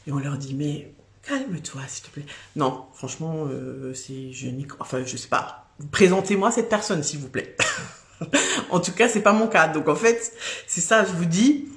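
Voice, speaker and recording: A woman's voice: low voice, normal speed. A woman who has children, reading tarot cards on a live stream in a chatty, casual way, with many fillers and restarts. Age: adult with children. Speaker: tarot card reader.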